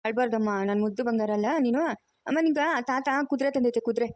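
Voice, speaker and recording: A woman's voice: on the high side, fast talker, a little mellow, no room sound, studio quality, natural voice. A woman voicing a tender, fretful village grandmother in a cartoon, soothing a child in a rural Kannada accent from the Chikkaballapur region. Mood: coaxing. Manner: coaxing, soothing. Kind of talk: cartoon voice acting.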